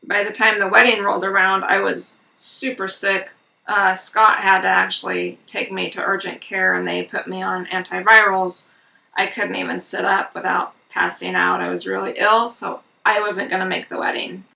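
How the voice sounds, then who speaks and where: A woman's voice: mid-range voice, flat delivery, moderate pace, gravelly, pushed and bright. A middle-aged woman telling a personal story in a casual, earnest and candid way, as a vlogger. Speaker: vlogger recounting RV life. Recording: slightly distant mic, music underneath.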